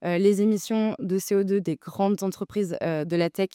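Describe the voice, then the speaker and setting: Smooth-voiced woman debating. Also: mid-range voice, fairly even intonation, normal speed, dark tone, dry recording, clean studio sound. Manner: hesitant, many filler sounds, insistent. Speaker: debate speaker, co-president of a data nonprofit. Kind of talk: debate argument.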